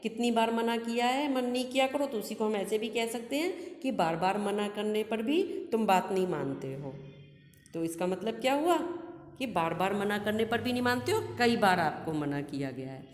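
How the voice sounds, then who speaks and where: A woman's voice: mid-range voice, lively intonation, normal speed. A woman teacher giving a recorded grammar lesson, patiently explaining each example twice. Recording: echoey room with long reverb.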